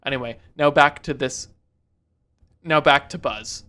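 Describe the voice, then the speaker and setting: A man's voice: medium pitch, unhurried, background noise. A man hosting a reaction video, chatting casually, rambling, cutting himself off and cracking jokes. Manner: rambling, self-interrupting, jokey.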